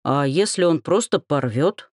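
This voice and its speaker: A woman's voice: sits low, animated, unhurried, darkish tone, breathy edge, dry recording, studio quality, heavily acted. A woman voicing a blunt, teasing young male half-gnome with a grumbling delivery.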